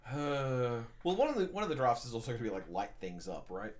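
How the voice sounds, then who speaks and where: A man's voice: mid-range voice, sing-song, a little fast. A man hosting a let's play, chatting casually, joking and thinking aloud as he plays. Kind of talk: casual gameplay chat.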